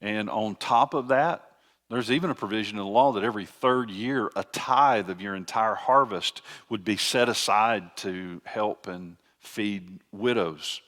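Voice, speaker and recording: A man's voice: fairly low pitch, a little slow, fairly bright tone. An older man, a pastor giving a conversational teaching sermon with frequent restarts.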